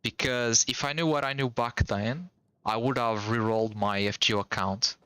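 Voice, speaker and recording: A young game streamer whose first language is Portuguese, and whose accent shows it, talks casually with viewers, rambling and restarting in slangy fashion. His medium-pitched voice stays fairly even at a moderate pace, a bit bright and clean with no echo, though the recording quality is low.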